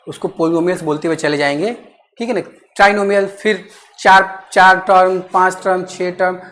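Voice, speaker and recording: A woman teaching maths in class. She keeps checking that students understand and repeats phrases slowly while dictating. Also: medium pitch.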